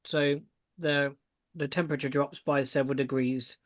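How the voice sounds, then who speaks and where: A man improvising narration as game master of a tabletop role-playing game, in a halting, descriptive way. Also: mid-range voice, level tone.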